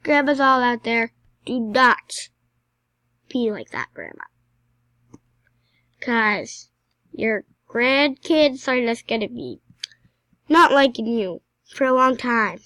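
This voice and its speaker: Excitable high-voiced female gamer. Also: slow pace, pauses often, dry recording. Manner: excitable, chatty, drops to mumbled asides. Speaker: gameplay commentator. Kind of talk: casual game commentary.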